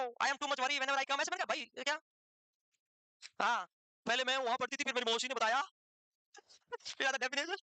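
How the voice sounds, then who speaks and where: Fast high-voiced teacher scolding his class. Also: sharp tone, no echo. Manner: brisk, scolding, teasing joker. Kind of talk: classroom lecture.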